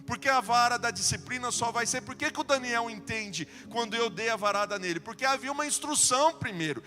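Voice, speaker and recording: A man's voice: very high voice, a little fast. Preaching man in a reverberant church. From Brazil. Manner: storytelling preacher, acts out dialogue, shifts between soft and loud. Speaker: pastor. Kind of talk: sermon. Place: church sanctuary.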